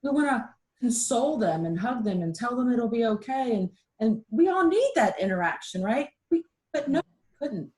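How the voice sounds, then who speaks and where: Give me a middle-aged woman giving a casual webinar talk on a video call, animated and joking at her own expense. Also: a little high, normal speed. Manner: chatty, animated, self-deprecating. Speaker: presenter.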